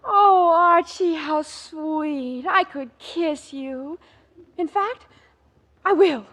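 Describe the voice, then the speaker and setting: 1940s radio sitcom teen girl, gushing and breathless, very high voice, drawn out. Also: a little slow, a little hiss or hum. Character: sweet teenage girl Betty, gushing then indignant.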